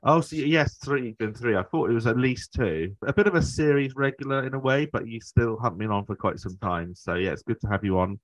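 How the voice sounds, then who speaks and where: A man's voice: mid-range voice, expressive, brisk, hardly any pauses, no room sound, low-quality recording. A British man hosting a podcast, chatting casually in a rambling, conversational way. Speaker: podcast host. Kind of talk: casual chat.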